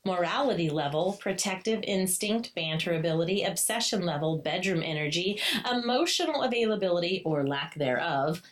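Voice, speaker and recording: A woman's voice: fairly low pitch, animated, normal speed, few pauses, recorded from a distance. A young adult woman co-hosting a podcast, chatting casually about romance books and reading from a prepared list with dry, witty one-liners. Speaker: podcast co-host.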